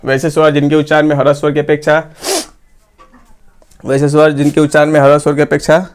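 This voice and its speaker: A man with a slightly high voice teaches a grammar lesson. He keeps putting questions to the class and answering them himself. He repeats each phrase slowly so it can be copied down. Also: monotone.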